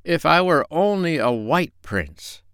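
A man's voice: on the high side, sing-song, slow pace, fairly bright tone, clean tone, no echo, pitched above the performer's own voice, heavily acted. A man voicing a dreamy young prince who speaks in flowery, old-fashioned phrases. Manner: dreamy, archaic flowery speech. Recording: dry close recording.

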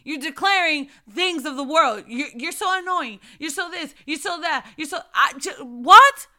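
Her high-pitched, animated voice moves at normal speed as this young woman urges other mothers in an informal sermon. Rhetorical questions come again and again alongside fervent exhortations, and she swings from gentle testimony to loud urging.

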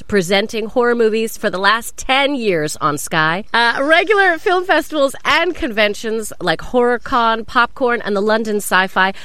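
A woman's voice: medium pitch, a bit bright, dry recording. A woman co-hosting a podcast with enthusiastic banter. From Canada. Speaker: podcast co-host and stand-up comedian.

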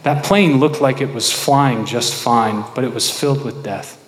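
A man's voice: medium pitch, unhurried, slight background noise. Male preacher in a big echoing hall. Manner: rhetorical questions put to the congregation, repeating phrases for emphasis. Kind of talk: sermon. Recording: echoey hall with long reverb.

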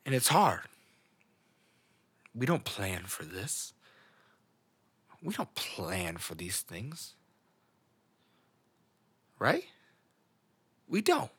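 Male podcast host, emotional off-the-cuff monologue, husky bright voice, halting delivery. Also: on the low side, very animated. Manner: halting, repeats words, trails off. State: emotional, on the edge of tears. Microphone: studio microphone.

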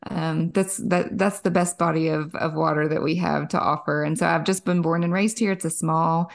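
A forty-year-old woman with a Kentucky accent talks in a low voice with a gravelly, creaky edge. She chats easily as a podcast guest, restarting her sentences and laughing often. The tone stays casual and homey. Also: fairly even intonation, normal speed. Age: 40s. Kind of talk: casual interview chat.

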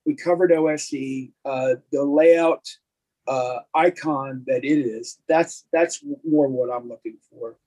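A man's voice: medium pitch, slow pace, dark tone, rough recording. A middle-aged man co-hosting a podcast, chatting casually in a rambling, self-deprecating way with lots of fillers. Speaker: podcast co-host. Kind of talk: casual chat.

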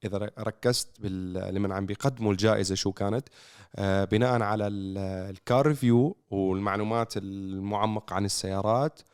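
A man with a Levantine accent chatting casually as a co-host, halting and grateful in manner. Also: on the low side, fairly even intonation, darkish tone, smooth, no echo, studio quality. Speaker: car content creator and show co-host. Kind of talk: casual podcast chat.

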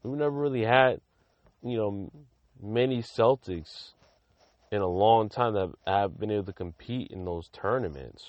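Low-voiced rambling podcast host, man. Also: moderate pace, no echo, dull audio. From Massachusetts. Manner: rambling, many fillers and restarts. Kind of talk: casual solo sports podcast talk.

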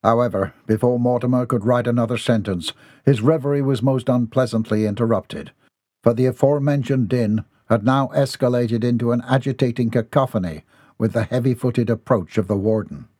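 A man narrating an audiobook in a measured, formal storytelling manner. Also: medium pitch, warm tone, no room sound, clean studio sound.

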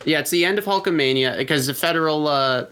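A man co-hosting a podcast, talking casually and haltingly with many fillers. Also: a little high, fairly bright tone, a little hiss or hum. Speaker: podcast co-host. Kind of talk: casual chat.

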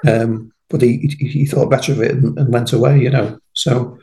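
Man in his sixties, guest on a podcast, casual and halting, mid-pitched voice. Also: steady tone, creaky, dark tone, low-quality recording. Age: 60s. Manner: halting, many repeated starts. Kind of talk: casual conversation.

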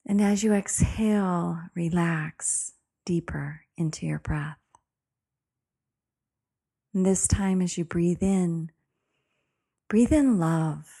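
A middle-aged woman with a low, creaky voice guides a breathing meditation. Her tone is mellow and relaxed, and her delivery is calm, soft and meditative, unfolding in slow, soothing phrases. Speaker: podcast host.

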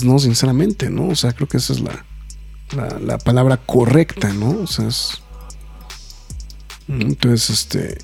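A man's voice: mid-range voice, vocal fry, darkish tone, slightly rough. A man with a Mexican accent, co-hosting a casual film review chat, emphatic and full of slangy fillers. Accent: Mexican Spanish.

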